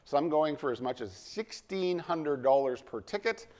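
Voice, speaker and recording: A man anchoring a TV newscast from the studio, reading script in a polished, lively way. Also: a little high, unhurried. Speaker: news anchor.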